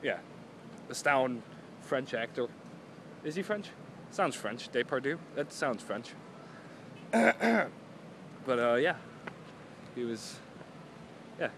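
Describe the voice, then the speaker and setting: Standing among parked cars in an outdoor lot, a young adult vlogger talks in a loose, wandering way, poking fun at himself and frequently dropping a thought to begin again. His medium-pitched voice has a sing-song lilt and moves slowly, with long pauses, against a noisy background.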